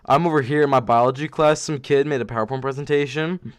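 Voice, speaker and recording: Animated young man telling stories. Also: mid-range voice, fast, clean tone, no room sound. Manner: animated storyteller, frequent fillers. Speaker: podcast co-host. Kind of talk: casual podcast chat.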